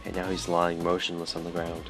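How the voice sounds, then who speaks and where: A man's voice: low-pitched, completely flat delivery, brisk. A man hosting a let's play, reading the game text aloud in an offhand, dry way, stumbling over lines, with game music behind.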